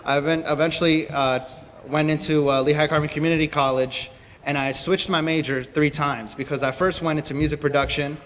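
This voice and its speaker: A man's voice: on the high side, fairly even intonation, fairly quick, fairly bright tone, slight background noise. A young man from Peru giving an earnest personal talk to a convention audience, telling his story with frequent fillers. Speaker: speaker at a convention. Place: convention hall. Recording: distant mic in a reverberant hall.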